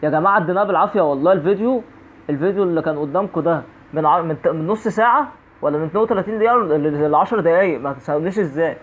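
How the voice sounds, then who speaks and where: A gaming YouTuber with an Egyptian Arabic accent gives jumpy horror-game commentary in a rapid-fire, high-ish voice, repeating phrases over and over. The audio is tinny and phone-like.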